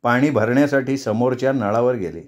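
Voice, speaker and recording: A man's voice: medium pitch, brisk. Man reading a novel aloud. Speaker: storyteller. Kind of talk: audiobook narration of a novel.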